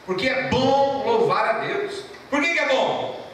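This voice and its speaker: A Brazilian pastor with a Brazilian Portuguese accent delivers a sermon in a church hall, telling stories at a measured pace in a high voice that swings widely with animated rises and drops as he stresses and repeats key phrases. He is far from the mic, with heavy echo and a faint room hum behind him.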